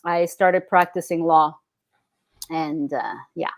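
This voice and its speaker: A woman's voice: low voice, fairly even intonation, slow pace, dry recording. Hesitant middle-aged woman from El Salvador. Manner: hesitant, many fillers and restarts. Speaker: guest. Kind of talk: casual interview.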